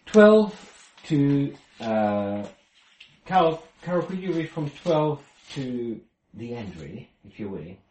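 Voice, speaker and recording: A man's voice: mid-range voice, very animated, slow pace, darkish tone, a little hiss or hum. A man from Finland leading an informal Bible study, explaining with many restarts and fillers. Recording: roomy, distant from mic.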